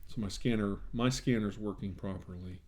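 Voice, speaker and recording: In an ASMR medical roleplay, a man with a lowish, very mellow voice plays the examiner. His dark, relaxed tone moves at normal speed as he offers the patient reassuring, attentive bedside talk.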